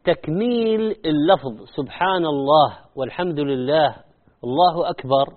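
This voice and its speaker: A man giving a religious lesson, acting out wrong and right ways of saying short phrases by repeating them. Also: a little high. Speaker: Islamic teacher. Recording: tinny phone-like sound.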